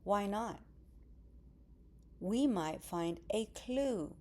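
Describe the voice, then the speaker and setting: A woman's voice: mid-range voice, expressive, very slow, a little mellow. Woman reading an eager, reassuring teen girl. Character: earnest helpful teenage girl.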